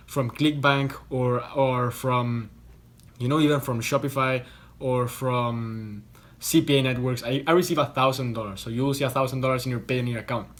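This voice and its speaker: This online business vlogger, a young man from Costa Rica, films himself in a hotel room and talks in a relaxed, rambling style full of restarts and repetitions. He has a fairly bright voice at a normal middle pitch.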